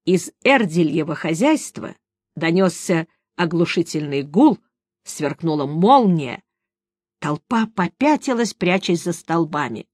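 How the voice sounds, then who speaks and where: A woman narrating a fantasy audiobook in a steady reading voice. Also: fairly low pitch, unhurried, dry recording, clean studio sound.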